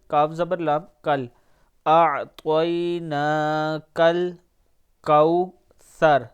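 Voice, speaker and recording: A man teaching recitation word by word, drawing out each syllable slowly and then explaining mistakes quickly. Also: a little high, clean tone.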